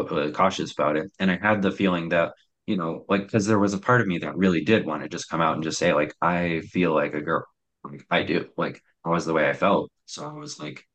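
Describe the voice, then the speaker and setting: His voice very deep yet a bit bright, a young man shares his own story hesitantly and reflectively, full of fillers and false starts.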